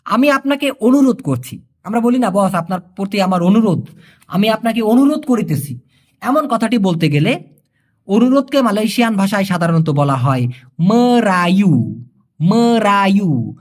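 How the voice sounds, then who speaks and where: A man teaching in a casual video lesson, explaining each word slowly and repeating phrases, with the odd joke to the viewer. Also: high-pitched, sing-song. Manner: jokes with the viewer. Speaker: language teacher.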